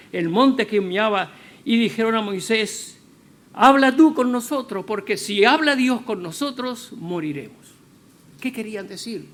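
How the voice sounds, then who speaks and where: A man preaching a sermon in a church, stressing key words slowly and building to loud, firm declarations. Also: fairly high pitch, slight background noise.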